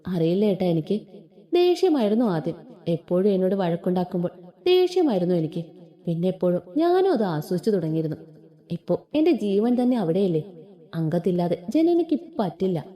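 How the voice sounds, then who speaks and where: A woman voicing a young bride-to-be, soft and tender as she talks to her fiancé. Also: fairly low pitch, big pitch swings, brisk, pitched below the performer's own voice.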